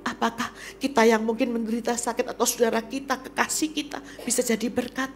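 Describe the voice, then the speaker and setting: A middle-aged woman evangelist preaching a sermon to a church congregation. She swings from loud exclamations to hushed whispers. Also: a little high, level tone, fairly quick, soft background music. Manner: often addresses the congregation as "saudara". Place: church service.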